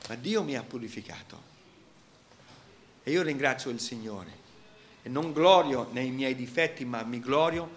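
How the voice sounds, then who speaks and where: A man preaching a sermon, emphatic, swinging between loud exclamations and quiet, low asides. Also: a little hiss or hum.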